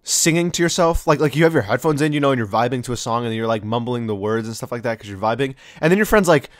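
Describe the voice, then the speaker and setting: A man's voice: mid-range voice, expressive, fast talker, dry recording. Slangy young man in a dry room. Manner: slangy, rambling, with many fillers and mock-quoted voices. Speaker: video host. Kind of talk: casual countdown commentary.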